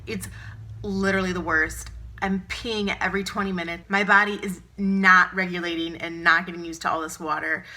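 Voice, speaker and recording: A woman's voice: fairly low pitch, fairly even intonation, moderate pace, sharp tone. A woman vlogger talking in a casual video diary style, chatty, candid and a little self-deprecating.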